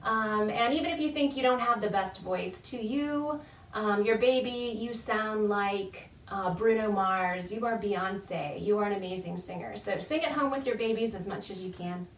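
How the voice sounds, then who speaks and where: Speaking at medium pitch and normal speed, a children's librarian runs a baby storytime, encouraging parents and babies in a friendly, sing-song, demonstrative way. The recording has roomy echo from a distant mic.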